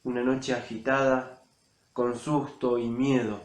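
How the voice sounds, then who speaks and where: A man delivers a sermon at an unhurried pace, building and softening his voice to dramatize the story. His mid-pitched voice carries the echo of a reverberant room. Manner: expressive, rising and falling loudness for emphasis. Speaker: preacher. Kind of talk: sermon reflection.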